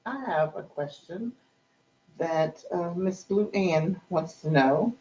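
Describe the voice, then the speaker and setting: A woman's voice: lowish voice, animated, slow pace, darkish tone, a little hiss or hum. A woman casually reading out audience questions in a question and answer session, on a muffled recording. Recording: dull, muffled lo-fi sound.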